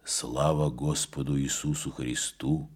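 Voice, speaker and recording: A man voicing a loyal older servant who speaks quietly and respectfully in an audiobook. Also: lowish voice, sing-song, normal speed. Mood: hushed. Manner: hushed, respectful.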